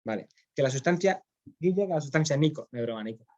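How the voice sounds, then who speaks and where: A man's voice: a little high, expressive, fast, darkish tone, muffled recording. A man with a Spanish accent, teaching philosophy in a classroom, explaining step by step and often checking in with his students. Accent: Spain. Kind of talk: classroom lecture.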